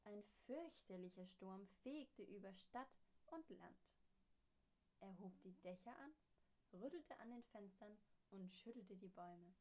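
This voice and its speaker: Slow, deliberate woman storyteller. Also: medium pitch, expressive, darkish tone. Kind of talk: reading a children's story aloud.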